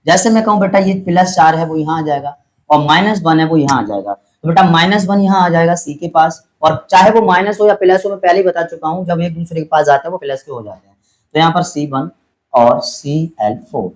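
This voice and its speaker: A man's voice: fairly high pitch, rough recording. A man teaching a chemistry lesson, explaining step by step and patiently repeating his points. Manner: patient and repetitive, calls students "beta" and checks their understanding; slows down to spell out chemical formulas.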